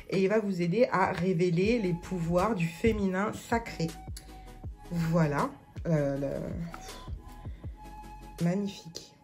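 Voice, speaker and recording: A woman's voice: medium pitch, darkish tone. A woman vlogger chatting casually through an unboxing, hesitant with many fillers and restarts. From France.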